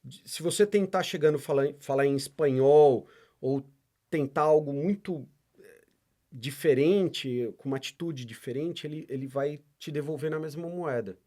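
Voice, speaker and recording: A man's voice: a little high, normal speed. A man, a podcast guest, telling stories in a casual interview and acting out the quoted dialogue. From Brazil. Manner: animated storyteller, acts out quoted dialogue.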